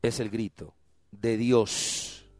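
A man preaching a sermon, moving from soft teasing asides to loud cries and asking the congregation to repeat after him. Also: lowish voice, little pitch movement, extremely slow, no room sound, soft background music. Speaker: pastor.

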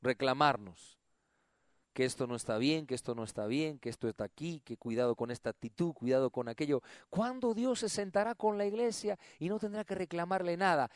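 A middle-aged male pastor preaching a sermon, calling on the congregation to repeat after him and swinging between loud and soft. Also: fairly high pitch, brisk, no echo, clean studio sound.

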